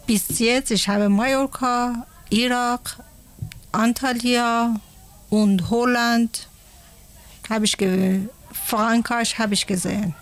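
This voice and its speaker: A woman from Iran, answering interview questions in halting German, often pausing to search for words. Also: a little high. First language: Persian. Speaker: interviewee, mother. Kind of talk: casual radio interview.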